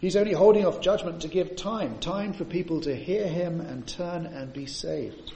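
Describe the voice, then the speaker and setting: A man's voice: a little high, moderate pace, vocal fry, mellow, reverberant. A man preaching a sermon to his congregation, often adding rhetorical tag questions.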